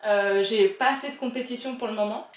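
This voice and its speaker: Woman vlogger, casual chat to camera, self-mocking, quick laughs, fairly high voice, echoey room, music behind.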